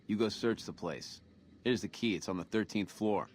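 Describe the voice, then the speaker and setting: A man's voice: fairly low pitch, normal speed, a little mellow, a little hiss or hum, lightly acted. An actor playing a tough casino henchman who talks in old-timey jive slang. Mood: gruff. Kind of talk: video game voice acting.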